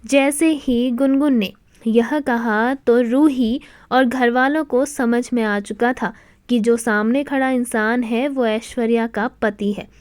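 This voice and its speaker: A woman narrating a romantic family story in a steady storytelling manner. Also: a little high, takes it slowly, no room sound.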